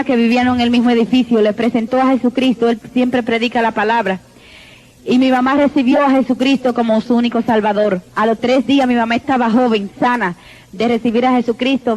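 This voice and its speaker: A woman's voice: on the high side, a little mellow. A woman giving a fervent church testimony, repeatedly calling out to the congregation. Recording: dull lo-fi recording.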